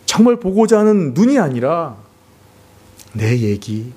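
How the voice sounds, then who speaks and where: A pastor with a dark, slightly rough voice preaches a little slowly in a church sanctuary, his pitch swinging widely. Earnest in tone, he acts out family scenes as he makes his points.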